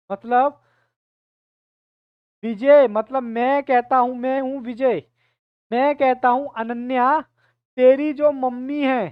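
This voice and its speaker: A man's voice: extremely high pitch, clear, resonant tone, dry recording. A male teacher giving an online reasoning class, explaining step by step and keeping at his students to answer. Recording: tinny phone-like dry sound.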